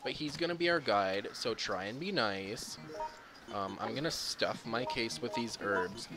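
A man giving casual, jokey gameplay commentary on his own microphone, swearing freely and talking in animated bursts. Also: mid-range voice, a little slow, over music. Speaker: gaming commentator. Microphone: own desk microphone.

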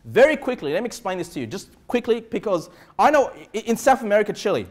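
Very animated and fast-talking, a middle-aged pastor with an Australian accent delivers a sermon in a high voice. His style is emphatic and conversational, with frequent tags checking that people are keeping up. He stands at an indoor pulpit in a small church room, wearing a clip-on lapel mic.

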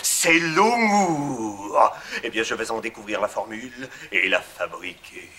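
An actor playing an eccentric, self-important inventor professor, declaiming theatrically in a children's TV comedy. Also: male voice, fairly low pitch, animated, a little slow, bright, forceful tone. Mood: determined.

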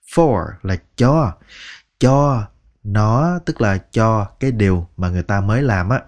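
Slow, patient Vietnamese male teacher. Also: on the low side, expressive, darkish tone. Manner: slow, patient, repeats words one by one. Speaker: English teacher. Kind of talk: language lesson narration.

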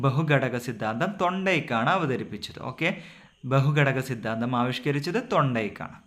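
A male exam tutor runs through his revision points in a steady drill. His voice is bright and forceful. He poses each question and hammers home the answer with repeat after repeat. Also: mid-range voice, normal speed. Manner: asks a question, then repeats the answer several times.

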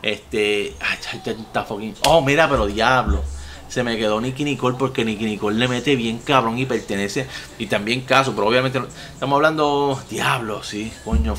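A young music reaction host from Puerto Rico, with a Puerto Rican Spanish accent, vlogs casually from his indoor home room packed with TVs and gaming gear. Animated and foul-mouthed, he gestures as he talks in a medium-pitched voice at a moderate pace, with a little background noise.

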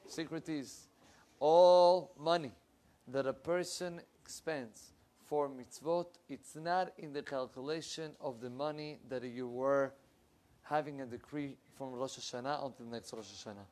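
A young male rabbi teaches an animated Torah class at a measured pace, his pitch and volume swinging widely as he gestures lively with his hands. He wears a lapel mic in a wood-panelled room lined with bookshelves.

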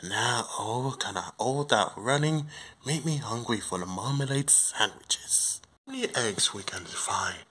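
A man's voice: medium pitch, expressive, unhurried, bright, forceful tone, breathy edge, voice pushed down, full character voice. A man voicing a timid, polite bear who loves marmalade, in a homemade puppet show. The bear mumbles in hesitant, broken phrases. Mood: meek.

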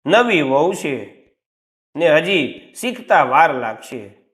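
A man's voice: a little high, very animated, takes it slowly, full character voice. A man voicing a sly, scheming older mother-in-law who scolds her new daughter-in-law in a storybook tale. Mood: sweet-talking. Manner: sugary toward her son, sharp toward the bride.

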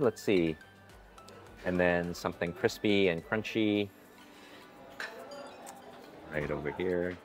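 A man in his forties giving an upbeat, chatty food vlog while walking through a hotel buffet restaurant. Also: lowish voice. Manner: upbeat, chatty, often greets staff warmly. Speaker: food vlogger. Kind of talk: casual vlog narration.

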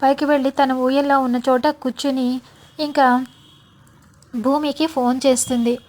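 A woman casually retelling a TV serial episode in a chatty, animated way, slipping into the characters' lines. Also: sits high, unhurried. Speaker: storyteller.

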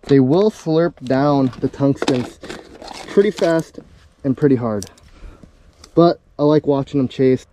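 A man's voice: on the high side, mellow, a little hiss or hum. A young man hosting a fishing vlog, chatting casually as he shows lures and rigs his line inside a small ice fishing shelter, recorded on a camera mic. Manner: laid-back, chatty, talks while rigging gear. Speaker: fishing channel host. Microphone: camera mic, then head-mounted action camera.

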